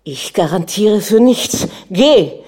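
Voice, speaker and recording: A woman reading an audiobook, voicing an enraged, jealous older prince who shouts and nearly chokes with fury. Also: a little high, animated, a little slow, pitched above the performer's own voice. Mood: raging. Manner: shouting, choking with rage.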